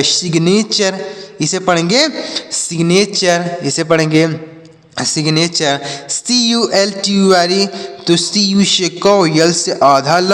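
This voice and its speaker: A man's voice: high voice, fairly bright tone, big-room sound. A man teaching an English reading lesson, spelling each word out letter by letter, then repeating it and answering his own questions. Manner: asks questions and answers them himself.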